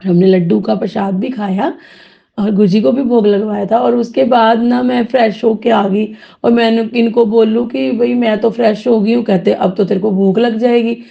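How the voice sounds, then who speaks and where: A woman's voice: on the high side, steady tone, normal speed, vocal fry. A woman giving a rambling, heartfelt devotional testimony, full of thanks, recorded dull and lo-fi.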